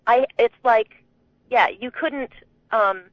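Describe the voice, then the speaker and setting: A woman from New England calling a sports radio show, chatting in an animated, laughing way with lots of restarts, on a phone line. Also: fairly high pitch, takes it slowly, no room sound. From Connecticut, New England. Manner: chatty, laughing, animated, talks over herself. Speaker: radio caller.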